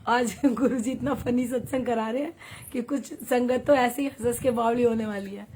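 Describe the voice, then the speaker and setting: A woman from Haryana hosts a devotional satsang, her voice sitting a little high as she chats easily with her viewers. She moves between a story and their comments, laughing often. There is a faint hiss under her voice from the phone stream. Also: steady tone, moderate pace. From Haryana, India. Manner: chatty, warm, laughs often, reads viewer comments aloud. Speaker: satsang leader on a livestream. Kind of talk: devotional storytelling and live chat.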